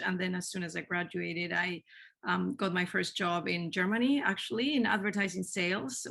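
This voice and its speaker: With a creaky, bright and forceful medium-pitched voice, this woman in her forties from Spain works as a marketing executive. She is a native Spanish speaker who responds to interview questions earnestly, frequently restarting and repeating words.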